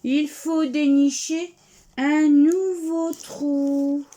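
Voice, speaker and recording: A woman telling a children's story aloud, gentle and coaxing. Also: high-pitched, fairly even intonation, extremely slow.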